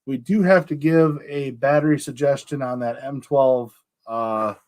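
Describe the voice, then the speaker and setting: A man hosting a relaxed live stream, his voice a little worn as he loses it. He reads viewer comments out loud, filling the gaps with ums and uhs. His pitch sits at an ordinary middle height. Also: measured pace. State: losing his voice. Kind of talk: casual live stream chat.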